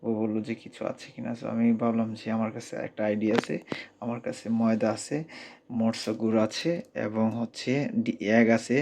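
A man with a Sylheti Bengali accent speaking softly in a casual home cooking vlog, his voice cracking from a cold. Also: lowish voice, completely flat delivery, normal speed, a little hiss or hum. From Bangladesh. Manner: speaks softly, hushed at night. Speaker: cooking vlogger. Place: home kitchen abroad.

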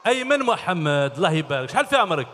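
In a fairly high, sing-song voice with a fairly bright tone, a middle-aged man fires off words rapidly while quizzing kids at a children's stage show. He has an Algerian Arabic accent and holds a handheld mic. The large concert hall gives a long reverb.

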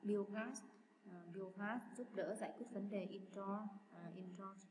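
A woman teacher goes through test answers one by one, speaking to her students in a friendly, patient tone. Her voice sits at a middle pitch. It was recorded in an echoey room with steady, clearly audible background noise. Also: a little slow. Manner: patient, chatty, addresses students as "các bạn". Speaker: English teacher. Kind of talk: explaining exam answers.

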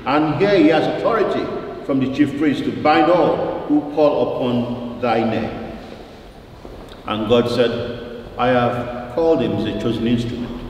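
Recorded from afar in a big, very echoey church with faint noise, a man preaches at a service with medium pitch and a darkish tone. Deliberate and emphatic, he repeats phrases for weight, quotes scripture, and puts rhetorical questions to the congregation.

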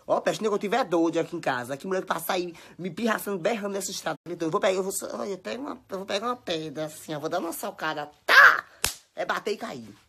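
A woman's voice: on the low side, animated, fast, sharp tone, slight background noise. A young woman with a Bahian accent talking dramatically and exaggeratedly at home into her phone, scolding and chattering. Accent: Bahian Brazilian Portuguese. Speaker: social media personality. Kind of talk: casual phone stories monologue.

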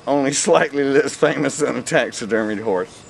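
A man's voice: medium pitch, moderate pace, creaky, slight background noise, voice pushed up, lightly acted. A man voicing a cheeky young cowboy son who makes wisecracks, reading a comic script.

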